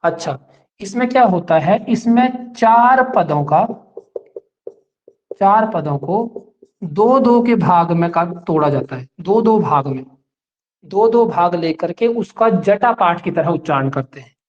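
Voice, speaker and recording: A man's voice: high-pitched, expressive, takes it slowly, muffled recording. A male teacher giving an exam-prep lecture, explaining step by step and checking that his students follow.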